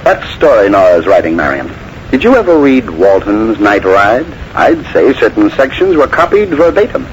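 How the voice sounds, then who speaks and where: An actor playing a menacing, short-tempered, scheming husband and playwright in a 1940s radio mystery. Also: male voice, lowish voice, sing-song, moderate pace. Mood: accusing. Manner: smooth veiled threats swinging to irritated insistence. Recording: noisy vintage 1940s radio broadcast.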